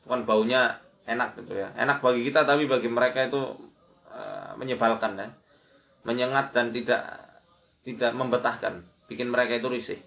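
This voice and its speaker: A man's voice: mid-range voice, normal speed, creaky, pauses often. A man giving an instructional religious lecture as an Islamic preacher, often repeating key phrases. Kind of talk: religious lecture with recited Arabic prayers. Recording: dull lo-fi audio.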